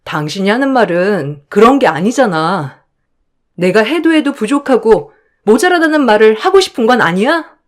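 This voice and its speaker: A woman's voice: fairly high pitch, moderate pace. A woman narrating her own story and voicing herself as a hurt, pleading wife. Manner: expressive, hurt and pleading in dialogue.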